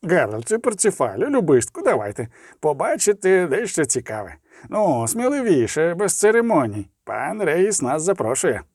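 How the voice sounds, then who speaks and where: A man's voice: a little high, big pitch swings, normal speed, darkish tone, breathy edge, no echo, clean studio sound, full character voice. A man doing a blunt, suspicious dwarf. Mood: coaxing. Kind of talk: audiobook character reading.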